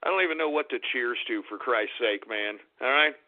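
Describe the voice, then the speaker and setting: A radio host whose voice has been pitched up into a chipmunk voice, ranting and swearing in exasperation. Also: male voice, brisk. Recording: tinny phone-like radio sound.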